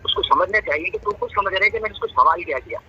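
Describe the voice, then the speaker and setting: A man's voice: sits high, lively intonation, fast, bright, forceful tone, husky, lo-fi sound. A man in a heated religious debate, taunting his opponent and pressing the same question again and again. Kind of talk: heated religious debate over a phone call.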